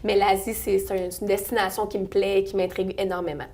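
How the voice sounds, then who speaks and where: A woman's voice: mid-range voice, flat delivery, fast, darkish tone. A young woman in her twenties with a Québécois French accent, chatting as a guest in a local interview, friendly, with many fillers and restarts. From Quebec, Sorel-Tracy region. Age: 20s. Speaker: chamber of commerce events staff, guest.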